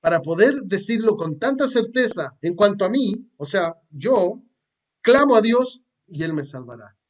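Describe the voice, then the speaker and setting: Man, Chilean Spanish accent, conversational sermon, reads and explains scripture, high voice, muffled lo-fi sound. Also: sing-song, a little slow. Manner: reads scripture aloud, then explains it plainly; conversational teaching with fillers and repeated words. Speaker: pastor.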